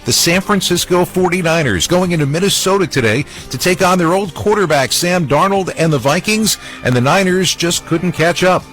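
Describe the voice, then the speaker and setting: A man hosting a sports radio highlight show, narrating recaps emphatically. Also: normal speed, hardly any pauses, fairly bright tone, poor audio. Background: music bed.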